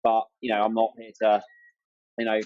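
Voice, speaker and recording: A podcast guest, an amateur runner and content creator, chats casually and enthusiastically, acting out exchanges he remembers. His voice is lowish and monotone at a moderate pace, in narrow, tinny audio with no echo.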